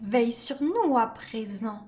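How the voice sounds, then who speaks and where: A woman's voice: fairly high pitch, animated, slow pace, crowd noise. A woman imitating a wretched, obsessive creature that argues with itself, hissing and pleading. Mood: commanding.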